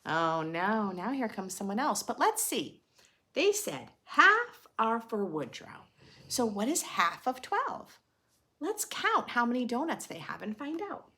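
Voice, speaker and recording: Her voice is a little high and sharp in tone, swinging hugely in pitch at a slightly slow pace. The woman is reading a picture book to preschoolers with dramatic expression, adding easy questions and explanations to teach them.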